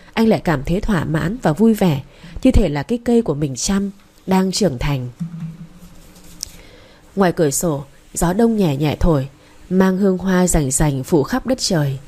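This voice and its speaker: A woman narrating a romance audiobook in a low, mellow voice. Her reading is steady and gentle, with a warm, soft tone. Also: moderate pace, husky.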